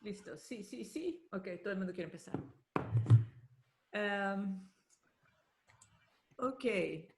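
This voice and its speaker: A woman's voice: medium pitch, expressive, takes it slowly, long pauses, a little hiss or hum. A woman hosting an online meeting and moderating a panel, organizing things as she goes and switching between two languages, heard through a computer mic on a video call.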